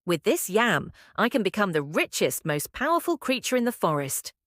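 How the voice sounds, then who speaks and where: A woman's voice: mid-range voice, big pitch swings, moderate pace, a bit bright, no echo, studio quality. A woman voicing a sly, boastful male trickster spider in a folk tale, with a scheming, showy manner.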